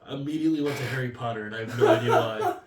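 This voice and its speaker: A man co-hosting a casual podcast, joking around in relaxed slangy talk. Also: medium pitch, racing. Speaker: podcast co-host. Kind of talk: casual chat. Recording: echoey room, distant mic, faint hiss.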